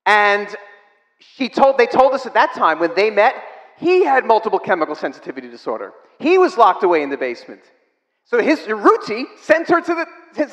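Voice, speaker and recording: A man with a high, light voice preaching a sermon, his words ringing out through a long, echoing hall. He tells his stories with lively swings, climbing into emphatic outbursts and then sinking to soft, hushed lines. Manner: storytelling, rising to emphatic bursts, dropping to soft near-whispers.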